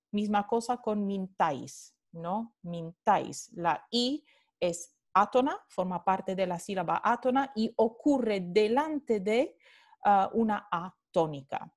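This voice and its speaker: A woman lecturing on linguistics over slides, unhurried and deliberate. She often repeats example words slowly and checks in with her students. Her pitch sits in an ordinary middle range.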